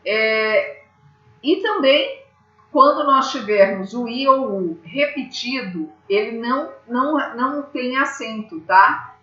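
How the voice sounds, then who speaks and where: A Brazilian woman teaching grammar at an unhurried pace, her voice bright and clear. She explains each point patiently, one step at a time, and checks that the class follows along. The sound is roomy and a little dull, as if recorded in an echoey room. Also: a little high, expressive. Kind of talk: grammar lesson.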